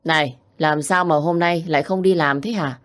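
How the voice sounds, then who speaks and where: A woman voicing a stern male office manager who scolds briskly over the phone. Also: low voice, fairly even intonation, fairly bright tone. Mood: scolding.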